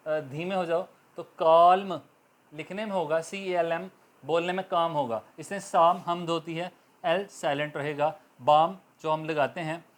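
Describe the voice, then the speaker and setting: A man giving an English grammar lesson, speaking slowly and deliberately, spelling words out letter by letter and repeating examples for learners. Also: on the high side. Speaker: English teacher. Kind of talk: classroom-style grammar lesson.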